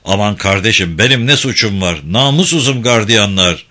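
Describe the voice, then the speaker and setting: This is a volatile male prison director, put on by a reader in a spoken story. He blusters and threatens in a bright, lively voice that swings up and down. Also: lowish voice, normal speed, pitched below the performer's own voice. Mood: pleading.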